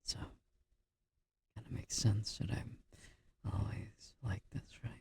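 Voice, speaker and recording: A man doing a whispered role-play as a comforting boyfriend, speaking in a soft, breathy, intimate murmur with a husky, gravelly edge, close to the microphone. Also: lowish voice, level tone, a little hiss or hum. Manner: slow, gently reassuring boyfriend-style comforting.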